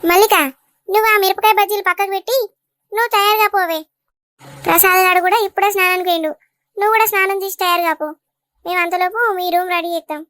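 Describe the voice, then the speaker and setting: A woman voicing an emotional older village mother in a cartoon, pleading dramatically in a high-pitched voice. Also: fairly even intonation, fast, pauses often, fairly bright tone, no room sound, studio quality. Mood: scheming. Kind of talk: Telugu cartoon dubbing.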